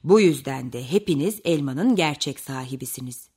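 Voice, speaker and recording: A woman voicing a big, kindly male bear who settles an argument as judge, speaking slowly and deeply. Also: expressive, darkish tone, breathy edge, heavily acted. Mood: calm judging.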